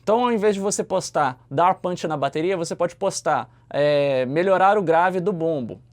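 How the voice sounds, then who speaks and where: A man's voice: fairly high pitch, moderate pace. A man with a Brazilian Portuguese accent who explains audio mixing in a casual, chatty way and keeps tagging his sentences with a questioning "né?". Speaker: YouTuber teaching audio mixing. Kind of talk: casual explanatory talk to camera.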